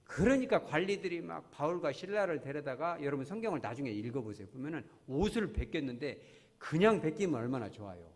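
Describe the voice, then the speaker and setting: A man's voice: on the high side, lively intonation, brisk. A man preaching a sermon in a church, telling stories earnestly and asking the congregation question after question. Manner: earnest, storytelling, many rhetorical questions to the congregation. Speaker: pastor. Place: church sanctuary. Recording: long church reverb.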